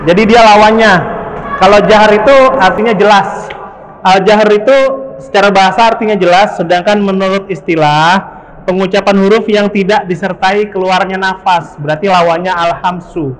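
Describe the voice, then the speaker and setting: A man's voice: sits high, fairly even intonation, moderate pace. A man teaching a tajweed class at a mosque, patiently drilling syllables for his students to repeat. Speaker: Quran recitation teacher. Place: large mosque hall. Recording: echoey hall, faint background noise.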